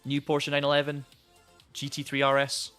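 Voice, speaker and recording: Male streamer, mid-pitched, casual and rambling, a bit hoarse, faint music bed. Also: monotone, normal speed, a bit bright. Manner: rambling, friendly, many restarts. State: losing his voice. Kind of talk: casual live-stream chat.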